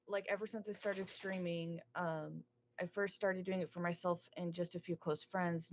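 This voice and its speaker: A woman chatting casually as a podcast guest, speaking in a hesitant, halting and modest way. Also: fairly low pitch, muffled recording. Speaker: podcast guest, streamer and artist. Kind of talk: casual chat.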